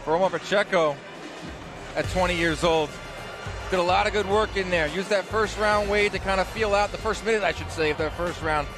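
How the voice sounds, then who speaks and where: Male play-by-play boxing commentator, high register, music behind. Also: fairly quick. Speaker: play-by-play host. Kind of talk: live boxing broadcast commentary.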